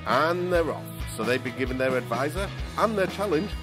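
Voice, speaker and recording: A man's voice: fairly high pitch, lively intonation, fairly quick, music in the background. A man narrating a show in a wry, playful scripted voice-over.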